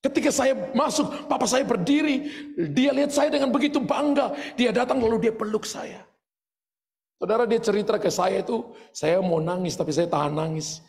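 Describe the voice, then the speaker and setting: A man preaching a sermon with an Indonesian accent, his voice pitched high and edged with a gravelly fry. He tells his story animatedly, rising into shouts, and his words ring out with a long reverb through a large church hall. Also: moderate pace. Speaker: pastor.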